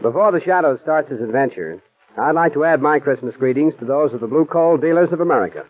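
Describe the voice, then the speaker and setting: A fast-talking man with a somewhat high voice and lively intonation announces a 1940s radio drama and reads the sponsor's ad in a polished, formal manner. The old broadcast sounds tinny, with faint music behind him.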